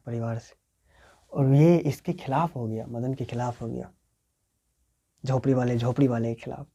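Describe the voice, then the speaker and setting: A male teacher with a Bihari accent explains a story to board exam students, acting out its quoted lines, his voice swinging between loud and soft. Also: medium pitch, muffled recording.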